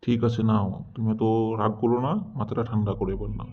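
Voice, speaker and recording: A man voicing a mild-mannered cartoon husband who calmly reasons with his wife and soothes her. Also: on the low side, fast talker, narrow, tinny audio, natural voice. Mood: soothing. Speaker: husband character. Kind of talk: cartoon voice acting.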